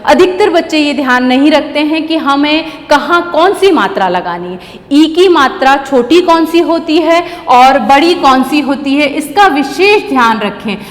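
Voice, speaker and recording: A woman teacher explaining grammar to young schoolchildren, patiently repeating key words slowly. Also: high-pitched, expressive, long reverb tail. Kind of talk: grammar lesson for children.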